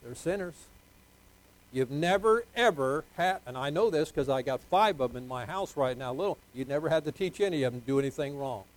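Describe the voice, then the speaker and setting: Older preacher swinging from hush to shout. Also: male voice, fairly high pitch, expressive, low-quality recording. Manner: folksy, swings from quiet asides to loud drawn-out emphasis; jokes with the congregation, asks for amens. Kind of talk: sermon.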